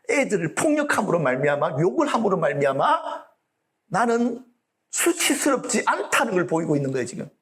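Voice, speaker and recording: A man's voice: high voice, fairly bright tone. A male pastor preaching a sermon in a blunt, colloquial way and often asking the audience for agreement.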